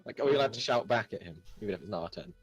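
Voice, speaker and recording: A man's voice: on the low side, lively intonation, very fast, over music. A man playing a tabletop game, chatting casually with wry, blunt banter.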